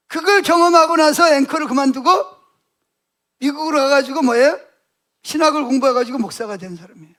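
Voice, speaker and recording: A man's voice: extremely high pitch, a bit bright. A male pastor preaching a sermon, telling the story with constant rhetorical questions to the congregation.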